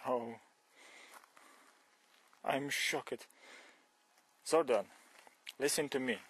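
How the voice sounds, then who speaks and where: This cyclist vlogger from Poland has a husky, fairly bright, mid-range voice and talks extremely slowly. Out on a forest trail and fields, he jokes through a one-sided phone call in broken English with a Polish accent, letting out exclamations of shock. His camera is held close at arm's length.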